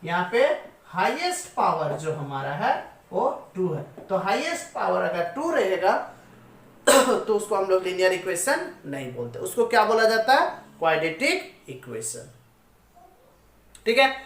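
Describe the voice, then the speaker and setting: A woman's voice: medium pitch, big pitch swings, measured pace. A woman teaching a maths lesson, asking her students questions and then answering them herself. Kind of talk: classroom-style maths lesson. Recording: echoey room, voice away from the mic.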